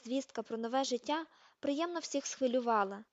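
Woman narrator, amateur audiobook, higher voice, muffled, dry room. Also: moderate pace, no echo. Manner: reads page numbers aloud. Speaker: audiobook reader.

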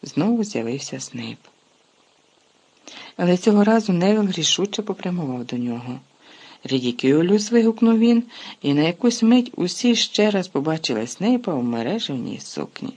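An audiobook narrator reading a story with lively, expressive delivery that rises and falls in loudness. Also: medium pitch, normal speed, husky.

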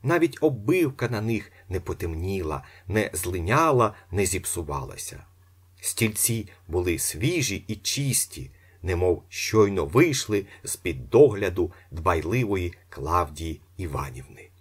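A man narrating an audiobook, telling the story in an expressive way. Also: sits low, measured pace, breathy edge.

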